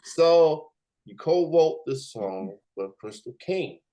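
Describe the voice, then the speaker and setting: A man with an American accent hosting a casual interview in a halting way, often repeating his words. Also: fairly high pitch, animated, warm tone. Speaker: interviewer, host.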